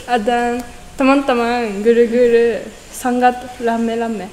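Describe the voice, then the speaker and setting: Echoey room, faint noise, teenage girl, Japanese accent, halting foreigner's Indonesian, slow short answers, high voice. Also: flat delivery, a little mellow. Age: teens. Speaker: exchange student guest. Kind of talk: interview answers.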